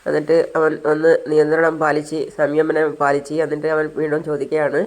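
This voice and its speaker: A man's voice: a little high, monotone, brisk, low-quality recording. A man telling a family drama story in a casual spoken way, saying the characters' lines himself without much change of voice.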